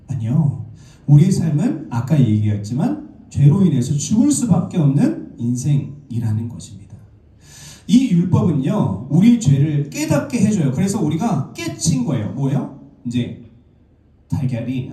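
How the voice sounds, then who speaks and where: A Korean man preaching a sermon as pastor, telling stories and asking his congregation questions. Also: medium pitch. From South Korea. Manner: lively storytelling preacher, asks the congregation questions. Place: church sanctuary. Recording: roomy church echo, distant mic.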